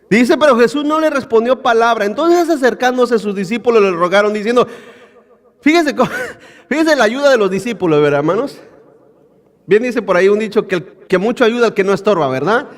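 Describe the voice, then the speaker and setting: Pastor, Latin American Spanish accent, very high male voice, emphatic sermon delivery, long church reverb. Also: brisk. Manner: emphatic, animated preaching with repeated phrases and rhetorical questions.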